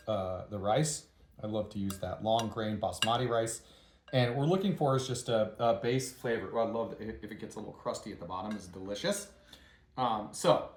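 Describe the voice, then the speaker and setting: A man hosting a home cooking video, talking through his steps in a relaxed, rambling way with many ums and uhs in his home kitchen. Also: on the low side, reverberant, a little hiss or hum. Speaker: home cooking channel host. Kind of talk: casual cooking demonstration.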